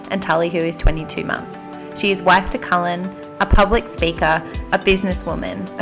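A young woman with an Australian accent, hosting a podcast in a chatty, informal, teasing way. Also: mid-range voice. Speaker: podcast host. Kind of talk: casual podcast chat.

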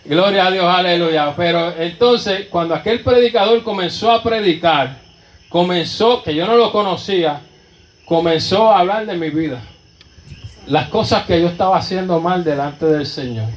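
A fervent male preacher with a Puerto Rican Spanish accent tells his story from the pulpit, breaking into praise every few breaths. His voice sits high for a man. The sound rings around an echoey church room. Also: normal speed. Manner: fervent, with constant interjections of praise. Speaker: pastor. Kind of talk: sermon testimony.

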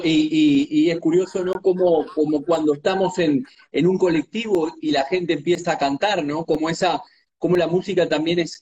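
A man hosting a live online talk, relaxed and casual, reading out viewer comments with many "este" fillers. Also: fairly high pitch. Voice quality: husky. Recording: dull, muffled lo-fi audio.

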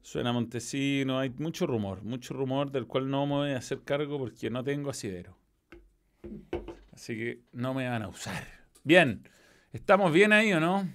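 A Chilean-accented man with a medium-pitched, slightly bright voice hosts a football stream in casual chat. Loose and swearing freely, he reads out messages from the chat.

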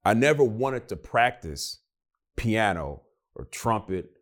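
A man's voice: fairly low pitch, slow. A young adult man telling his story in a casual interview, acting out the voices of the people in it. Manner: animated, acts out quoted voices. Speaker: guest.

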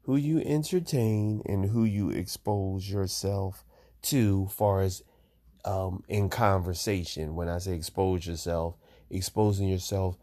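A man's voice: deep voice, warm tone. A middle-aged man hosting a casual solo podcast between songs, talking in an easygoing, rambling way with many fillers and repeats. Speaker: podcast host.

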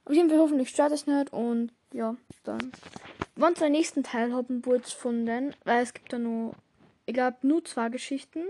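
A woman's voice: high voice, fairly even intonation, moderate pace, dark tone, slight background noise. A woman chatting casually in an outro, rambling and correcting herself as she goes. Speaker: channel host.

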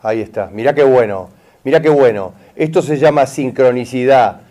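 A man's voice: mid-range voice, normal speed, warm tone. A middle-aged man with a River Plate Spanish accent, guiding a consultation and repeatedly checking that he is understood. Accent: Rioplatense Spanish. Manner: insistent, repeats "¿está bien?" and "mirá". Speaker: therapist giving a session. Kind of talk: consultation with an audience member.

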